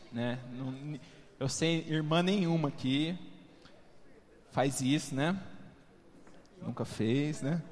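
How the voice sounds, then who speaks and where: A man's voice: sits high, long reverb tail. A male pastor preaching a conversational, humorous sermon, often tagging his sentences with questions to the congregation. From Brazil. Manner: humorous, conversational, constant tag questions, addresses congregation as "amados". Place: church hall.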